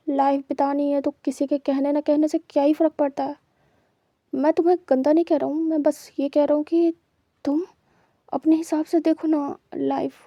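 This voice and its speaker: A woman's voice: sits high, warm tone, dry recording, lo-fi sound. A woman voicing a flustered middle-aged father who defends himself and tries to soothe. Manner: placating, defensive. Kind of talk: dramatized story reading.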